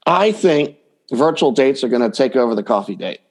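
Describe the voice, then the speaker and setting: A man appears as a guest dating coach, chatting informally and enthusiastically while acting out imagined quotes as he gives advice in a casual conversational interview. His voice is medium-pitched and animated, with a fairly quick pace.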